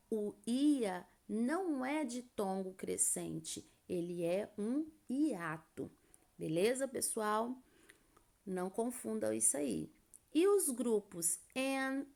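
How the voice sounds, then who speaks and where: A woman teaches grammar at a very slow pace, her fairly high voice carrying a gravelly fry. She stretches out the syllables of her examples to demonstrate them, then answers questions she imagines her students asking. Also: expressive, a little mellow. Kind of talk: grammar lesson.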